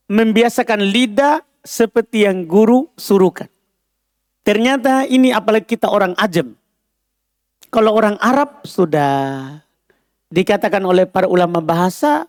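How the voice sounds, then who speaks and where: A man's voice: sits high, dry recording, clean studio sound. A man teaching an Arabic lesson, explaining patiently and often checking whether students understand. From Indonesia. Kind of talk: classroom lesson.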